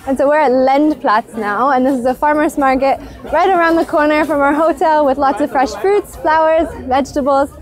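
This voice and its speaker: With a high voice and a moderate pace, this travel vlogger in her thirties presents her video enthusiastically and explains as she goes. Her narration sits over a music bed of background music.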